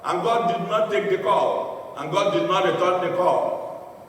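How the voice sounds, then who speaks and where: Slow, high-voiced priest preaching. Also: male voice. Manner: storytelling, earnest. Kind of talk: sermon. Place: large church. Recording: echoey church from a distant mic.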